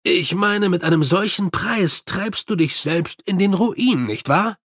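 A man voicing a gruff middle-aged watch sergeant who speaks in a dry, clipped, ironic way in an audiobook. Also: high-pitched, animated, unhurried, fairly bright tone, no room sound, pitched above the performer's own voice, heavily acted. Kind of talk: audiobook character voice.

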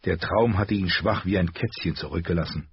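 A man reading an audiobook in measured, scripted narration. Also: deep voice, muffled recording, a little hiss or hum. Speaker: audiobook reader.

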